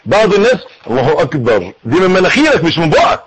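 An Egyptian man with a husky voice, teaching how to pray. His voice sits a bit high for a man, and he talks in a lively, animated way. He coaxes his listeners, demonstrates each step himself, and drills them until they repeat it back. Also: racing, poor audio. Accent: Egyptian Arabic. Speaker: religious teacher.

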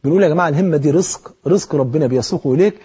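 Fast-talking husky Egyptian preacher. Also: male voice, fairly high pitch. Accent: Egyptian Arabic. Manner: animated and exhortative, with rhetorical questions to the listener. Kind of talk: colloquial religious sermon.

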